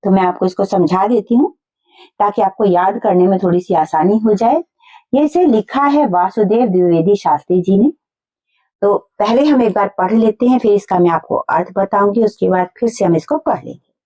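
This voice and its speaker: A woman teacher talks a class of children through a lesson, taking each line slowly and putting it again in simple words. Her voice sits at a middle pitch, and the recording has a dull, lo-fi sound. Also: mellow. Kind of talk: explaining a school lesson.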